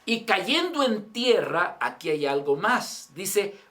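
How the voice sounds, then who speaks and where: A man preaching a church sermon, asking rhetorical questions of his brothers in the congregation and swinging from raised lines to hushed endings. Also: high-pitched, sing-song, slow pace. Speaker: pastor.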